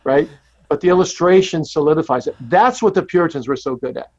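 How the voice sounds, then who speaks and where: A man's voice: a little high, fairly quick, darkish tone, dull audio. A man in his sixties or older, a pastor being interviewed. He tells illustrations earnestly and often repeats his words. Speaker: pastor and guest. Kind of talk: interview with storytelling.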